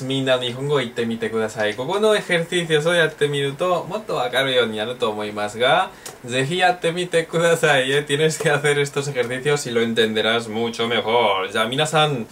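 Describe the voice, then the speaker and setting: A man teaching a recorded language lesson, drilling phrases slowly and joking as he goes. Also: medium pitch, fairly bright tone. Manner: slow, repeats drill phrases, jokes and laughs. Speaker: Japanese teacher. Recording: distant mic with faint noise.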